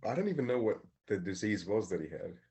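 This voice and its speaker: A man's voice: on the low side, big pitch swings, quick pace, darkish tone, husky. A young man co-hosting a podcast, easygoing and laughing often in casual chat. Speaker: podcast co-host.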